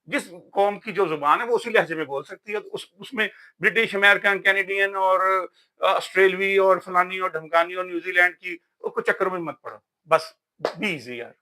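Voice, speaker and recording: A man's voice: high voice, pushed and bright. A man from Pakistan, giving a casual, emphatic talk about books in a vlog. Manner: emphatic, preachy, says "yaar" often. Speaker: vlogger.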